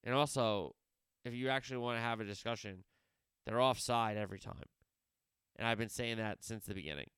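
A man's voice: fairly low pitch, fairly quick, a bit bright, smooth, no echo, clean studio sound. A man hosting a solo sports podcast, previewing games in a rambling way, wandering off on tangents and correcting himself as he talks.

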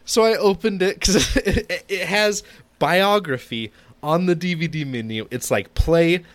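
A man co-hosting a film podcast in casual chat, easygoing and quick to laugh. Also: high-pitched, fairly bright tone. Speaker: podcast co-host.

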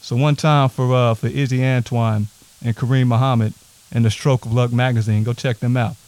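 A man hosting a podcast from a house, talking loose and hyped with plenty of shout-outs. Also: mid-range voice, steady tone, moderate pace. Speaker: podcast host. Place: a house set up as a home studio.

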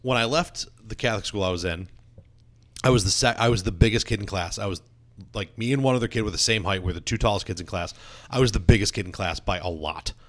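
Young male co-host with a lower voice, rambling and self-mocking in relaxed conversation. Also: fast. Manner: self-deprecating, laughing, many restarts. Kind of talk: casual storytelling chat.

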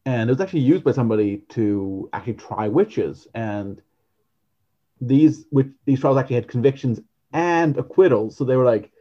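In a casual podcast chat, this male co-host rambles with lots of fillers and false starts. He has a mid-range voice with lively intonation at normal speed, though the high frequencies are cut off.

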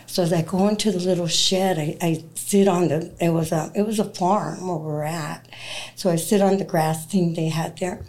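A woman telling her personal testimony as a guest, animated, acting out the voices of people in her story and laughing as she talks. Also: fairly low pitch, moderate pace. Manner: animated, acts out quoted dialogue. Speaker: interview guest.

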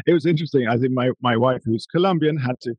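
A man, likely from England, hosting a podcast interview in a relaxed, conversational way. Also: medium pitch, brisk, husky, dry recording, lo-fi sound. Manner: relaxed conversational, laughs easily. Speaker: podcast host.

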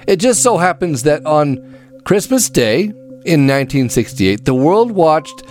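A man's voice: a little high, very animated, measured pace, darkish tone, faint music behind. A man reading a scripted narrative as a storyteller, with dramatic, folksy phrasing.

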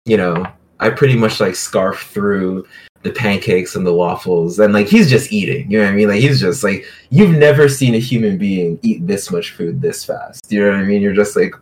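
Low-voiced rambling man player. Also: normal speed, a little mellow. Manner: rambling, filler-heavy, laughing. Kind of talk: tabletop role-play, in and out of character.

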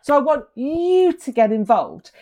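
A woman's voice: sits high, measured pace. A middle-aged woman, co-hosting a wedding podcast in casual chat with lots of ums. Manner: chatty, lively, lots of ums. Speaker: podcast co-host, wedding photographer.

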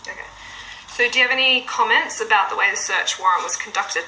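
A woman's voice: fairly high pitch, a little fast, pushed and bright. A woman police constable reading set questions in a formal recorded interview, heard as a played-back police interview recording. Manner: procedural, reads set questions with fillers. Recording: echoey room with faint background noise.

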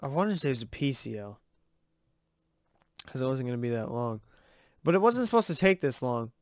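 A man hosting a sports podcast, giving excitable, rambling, profane commentary over game footage. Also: medium pitch, fairly quick, dry recording, clean studio sound.

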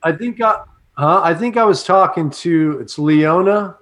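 A man's voice: on the high side, normal speed, fairly bright tone. A man, a podcast guest speaking bluntly and profanely with a teasing edge. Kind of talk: casual podcast chat over a call.

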